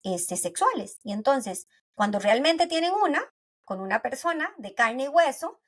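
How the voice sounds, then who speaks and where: Costa Rican woman, slightly high voice. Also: sing-song, moderate pace. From Costa Rica. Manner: tags sentences with "¿verdad?", explains with everyday anecdotes. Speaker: pediatric neuropsychologist guest. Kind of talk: conversational podcast explanation.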